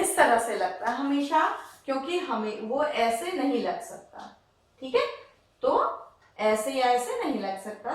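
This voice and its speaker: A woman teaching a Hindi lesson to children, explaining slowly and patiently and asking the class questions. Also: a little high, recorded from a distance. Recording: echoey room, off-mic, faint hiss.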